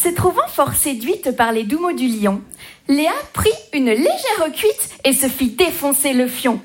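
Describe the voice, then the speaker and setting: A woman with a high voice narrates a comic fable in rhyming verse. Her delivery is playful and sing-song. Faint noise runs under the recording. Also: sing-song, a little slow. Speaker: storyteller.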